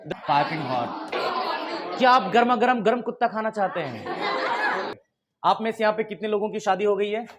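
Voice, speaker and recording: A man's voice: high voice, animated, normal speed, long pauses, fairly bright tone, a faint crowd, a little hiss or hum. A man with an Indian accent teaching English to a class, mixing Hindi and English, often laughing and quizzing the students. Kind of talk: classroom lesson in Hinglish.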